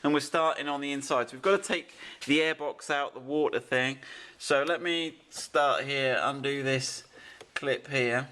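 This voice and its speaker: A man's voice: mid-range voice, steady tone, measured pace, bright, forceful tone. Chatty man explaining a car job. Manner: chatty, directs helpers while working. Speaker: presenter of a car fitting video. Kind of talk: casual hands-on how-to explanation. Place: beside a pickup's open engine bay.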